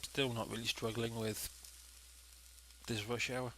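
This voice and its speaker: This gaming video host sounds stuffy and nasal from a head cold as he gives casual let's play commentary, thinking aloud while he plays. His mid-range voice stays level and unhurried. There's a lot of noise in the recording.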